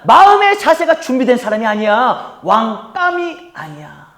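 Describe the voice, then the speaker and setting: A man's voice: extremely high pitch, big pitch swings, unhurried, a bit bright, pitched above the performer's own voice, full character voice. A man voicing God in a sermon, firmly and bluntly turning down a man, in an echoey church. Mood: firmly dismissive. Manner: firm, dismissive. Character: God, a stern divine voice rejecting a man.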